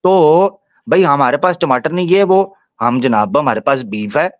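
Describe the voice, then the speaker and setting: A man hosting a live-streamed panel discussion, telling the story in a mocking, animated way. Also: fairly high pitch, measured pace, no room sound, highs cut off. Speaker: debate show host.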